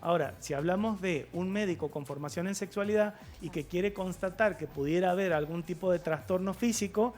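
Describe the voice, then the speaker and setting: A man, a guest sexologist on a TV talk show, explaining things in a measured way with filler pauses. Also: high voice, a little mellow, faint music behind. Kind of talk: TV studio interview. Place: TV studio.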